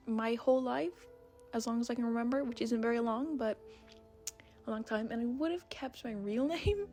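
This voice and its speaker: Over background music, a young video creator and artist chats through a rambling voice-over, often joking at her own expense. Her voice is warm and on the high side.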